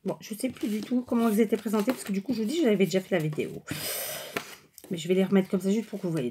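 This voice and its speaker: A woman vlogger chatting casually and hesitantly while showing craft cards, often pausing and correcting herself. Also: mid-range voice, darkish tone, a little hiss or hum. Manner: chatty, rambling, many hesitations and self-corrections. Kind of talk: casual unscripted show-and-tell.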